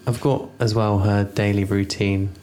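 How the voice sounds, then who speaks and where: A man's voice: on the low side, little pitch movement, unhurried, mellow, slight background noise. Man, casual chat, hesitant, many fillers. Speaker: podcast co-host.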